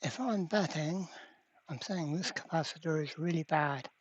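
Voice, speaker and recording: Narrating his repair work at an indoor bench, the electronics repairer keeps it casual, grumbling to himself and dropping mild swear words. His mid-range voice is slightly rough and moves at a normal speed.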